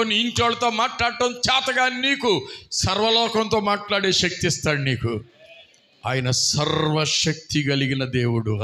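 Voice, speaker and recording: A male pastor preaching a fiery sermon, shouting out bursts and acting out the voices of people in his stories. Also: high voice. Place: church hall.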